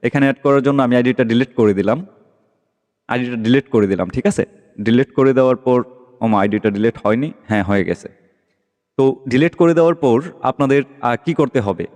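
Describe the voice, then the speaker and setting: A man with a medium-pitched, slightly mellow voice talks a little fast while demonstrating an app step by step and checking that his audience follows along. His phone microphone records the casual screen-capture tutorial with a long, echoing reverb.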